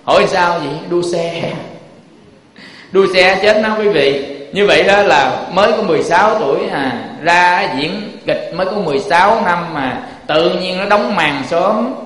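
A Buddhist monk with a Southern Vietnamese accent preaches in a fairly high voice. He keeps turning to his listeners with rhetorical questions. His voice rings in a roomy hall with a long tail of reverb. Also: moderate pace, fairly bright tone. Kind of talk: sermon.

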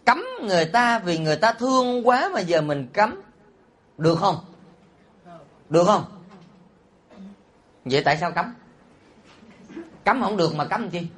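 A man, a Buddhist monk preaching a sermon. He is animated and teasing, and often puts rhetorical questions to his listeners. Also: high voice. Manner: teasing and humorous.

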